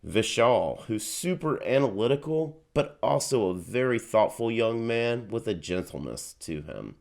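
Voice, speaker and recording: A man's voice: medium pitch, very animated, a little slow, vocal fry, a little mellow. A man hosting a video, giving an earnest scripted introduction. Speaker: host.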